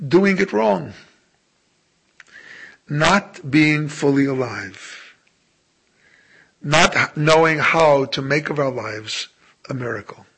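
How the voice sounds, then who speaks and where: A rabbi delivers a sermon at a very unhurried pace, stressing key words and letting his sentences fade gently at the end. His voice is bright and somewhat raised in pitch, with a husky grain. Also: low-quality recording. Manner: slow, emphatic, drops to soft phrase endings.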